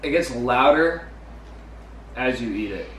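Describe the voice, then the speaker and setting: A man's voice: medium pitch, expressive, slow, recorded from a distance. Wisecracking young man, talking with candy in mouth. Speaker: co-host tasting candy. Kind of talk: casual chat. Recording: echoey room, faint ambient noise.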